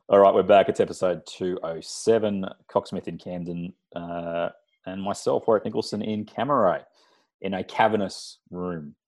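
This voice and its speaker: A man's voice: deep voice, steady tone, normal speed, a little mellow. A man with an Australian accent hosting a casual sports podcast in a bantering, teasing way. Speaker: podcast host. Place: large echoey room at home.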